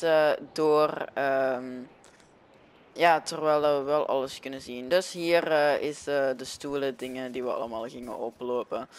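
A young Flemish man commentates casually on a video game. His voice sits fairly high for a man, and he talks slowly, feeling his way hesitantly through his sentences. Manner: hesitant, searching for words. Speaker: gaming video host.

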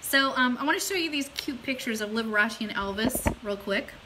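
A little high and a little fast, this middle-aged woman's voice carries her chatty, enthusiastic online radio show, part of which she reads aloud. She's in a small room at home or in an office, and a steady hiss runs through the recording.

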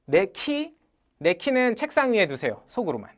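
With a mid-range voice at a moderate pace, this teacher energetically runs an English lesson for a live audience in a lecture room. Phrases are called out loudly for everyone to repeat, and the class's answers get praised.

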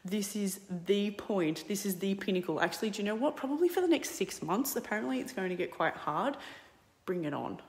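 Australian woman, business coach, frank rambling live-video talk, gravelly fry, long reverb. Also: medium pitch, lively intonation, brisk. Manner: frank, rambling, repeats herself, drops to whispers. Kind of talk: casual live video monologue. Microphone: phone held at arm's length.

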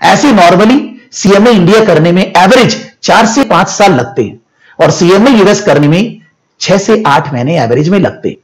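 Guy, kinda high voice, explaining a course choice to students, steady teacher tone. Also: normal speed, faint music behind. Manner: mixes Hindi with English phrases, steady explaining tone. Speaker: education academy founder and teacher.

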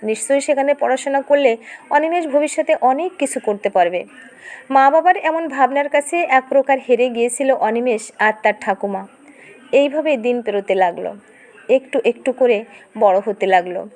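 In a high voice at a moderate pace, a woman narrates a scripted dramatic story with emotive, expressive delivery.

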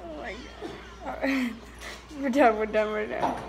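High-voiced young woman, unhurried and giggly. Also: a little mellow, a little hiss or hum. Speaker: vlogger reacting to videos. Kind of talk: casual reaction commentary. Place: indoor room at home.

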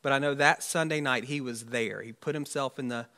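Bright-voiced man preaching conversationally. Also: medium pitch, brisk. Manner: conversational, wry asides, many restarts. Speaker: pastor. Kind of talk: sermon. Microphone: church livestream mic.

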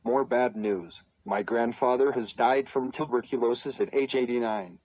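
A man voicing a bratty boy in a cartoon who grows into an old man, with a whiny, flat delivery. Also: mid-range voice, moderate pace, no echo, close to an everyday voice, low-quality recording. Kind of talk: cartoon voice acting.

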